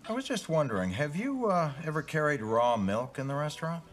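A fussy, formal father in a sitcom, choosing his words with deliberate care. His pitch swoops widely, rising sharply when he is exasperated. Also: big pitch swings. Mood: measured. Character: fussy, exasperated middle-aged father and businessman. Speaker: father, would-be milk seller. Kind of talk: sitcom acting.

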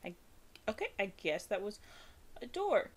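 Young woman, casual let's-play talk, self-deprecating, mid pitch, faint noise. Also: very animated, normal speed. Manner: chatty, self-deprecating, nervous laughter. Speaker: gaming streamer.

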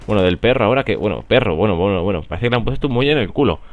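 A young man with a Spanish accent from Spain, rambling and joking through live gameplay commentary, with sudden excited outbursts. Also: lowish voice, very fast, dry recording, narrow, tinny audio. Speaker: gaming commentator.

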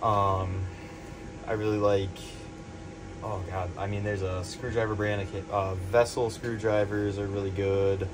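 A man's voice: fairly low pitch, unhurried, background noise. A young man, a plumber, talking casually about his tools while working in a crawl space, rambling with lots of fillers. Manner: relaxed, rambling, lots of "I mean" and "like". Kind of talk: casual on-the-job interview. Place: crawl space under a building.

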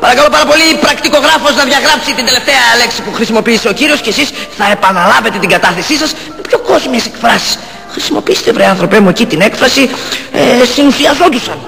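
A man's voice: very high-pitched, vocal fry, bright, forceful tone, in a large hall, full character voice. A man playing a pompous fussy judge. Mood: reproving. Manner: pompous, reproving. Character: stern, fussy courtroom judge. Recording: music playing behind.

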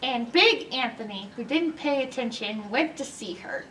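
A middle-aged woman hosting a read-aloud story time for young children, animated and teacherly in manner. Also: on the high side, normal speed. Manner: animated, exaggerated, teacherly, asking questions. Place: indoors in a library, by bookshelves. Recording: roomy distance from mic, background noise.

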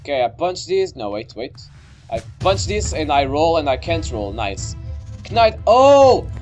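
A young man doing excitable, easily startled, sweary let's play commentary on a video game. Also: fairly high pitch, a little slow. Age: young adult. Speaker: gaming video creator. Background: game music.

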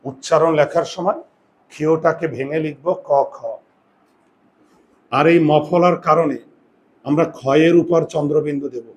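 Male teacher, slightly high voice, patient step-by-step explainer, faint background hiss. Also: fairly even intonation, normal speed, long pauses. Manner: explains step by step, often asks if students follow. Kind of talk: grammar lesson at a board.

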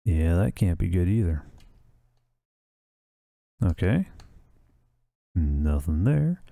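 A man's voice: sits low, big pitch swings, slow, vocal fry, warm tone, no room sound. A middle-aged man giving casual, wry video game commentary, muttering to himself and reading text aloud into a close desk microphone. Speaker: gamer and host of a playthrough series. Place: small indoor room. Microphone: desk microphone close to the mouth. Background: video game music.

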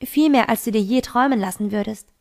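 A woman's voice: on the high side, quick pace, lightly acted. A woman voicing a secretive teenage girl who defends herself to a friend, in an amateur audiobook reading. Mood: evasive. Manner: evasive, reassuring.

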